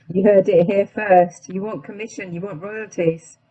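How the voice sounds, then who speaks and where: A woman co-hosting a casual podcast, giggly, candid and chatty. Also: medium pitch. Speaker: podcast co-host. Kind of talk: casual chat. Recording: dull lo-fi sound.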